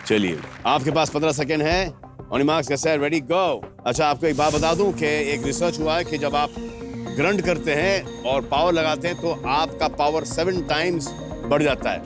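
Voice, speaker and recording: A man hosting a game show, mixing Hindi and English and repeating his questions deliberately for emphasis. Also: a little high, over music.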